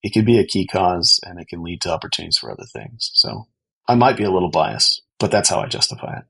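A man's voice: sits low, big pitch swings, quick pace, gravelly, pushed and bright, breathy edge, low-quality recording. A man speaking as an expert podcast guest, explaining things earnestly and conversationally. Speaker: podcast guest, company co-founder.

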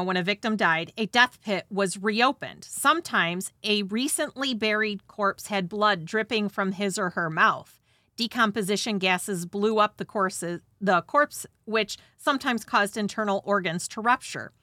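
A woman's voice: medium pitch, sharp tone, no room sound, clean studio sound. A woman hosting and narrating from a script with casual, conversational asides and a dramatizing touch. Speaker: host.

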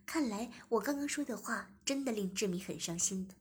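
A woman reading a first-person story aloud in a soft, breathy, half-whispered way. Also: medium pitch, animated, fairly quick.

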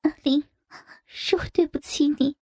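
A woman's voice: sits high, steady tone, extremely slow, dark tone. A woman voicing a timid young wife in a story, stammering and tearful. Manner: trembling, stammering pleas. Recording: faint background music.

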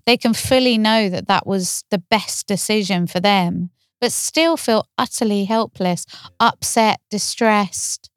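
A woman therapist talks through feelings on a podcast in a calm, reflective way. Her voice is exceptionally smooth and clear, recorded close and dry with no room sound. She often works through ideas by asking gentle questions. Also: medium pitch, dry recording. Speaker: therapist, co-host. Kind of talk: podcast conversation.

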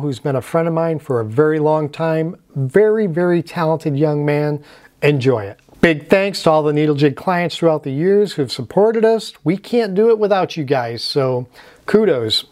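A man's voice: a little high, a little mellow. A man hosting a tattoo podcast, reading the intro and then interviewing a longtime friend in a laid-back, friendly way. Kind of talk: casual interview chat.

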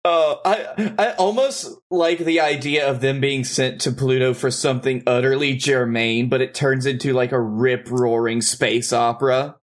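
A man's voice: mid-range voice, fairly even intonation, normal speed, hardly any pauses. A man co-hosting a comedy podcast, riffing easily on film ideas. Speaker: podcast co-host. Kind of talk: comedic improv chat.

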